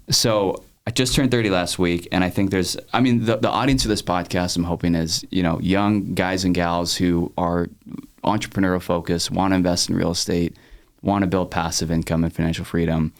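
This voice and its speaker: Deep-voiced thirty-year-old podcast host. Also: male voice, fairly even intonation, a little fast. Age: 30s. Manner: casual and affirming, uses "man" and "dude". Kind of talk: podcast interview.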